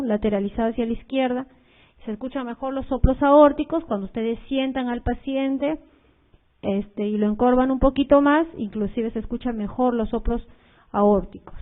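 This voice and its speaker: Female medical lecturer, fairly high voice, talks through slides with fillers and repetition, phone-quality audio. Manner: explanatory, uses fillers like "este" and "eh"; repeats key points, addresses students directly. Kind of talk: recorded cardiology lecture over slides.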